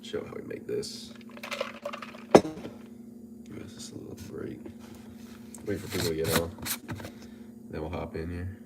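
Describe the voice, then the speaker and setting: A personal trainer and gym owner, nasal and stuffed up from a head cold, chats casually on a livestream, repeating himself and reading out viewer comments. His voice sits low and creaky, moving at a measured pace with frequent pauses, and the audio is very noisy.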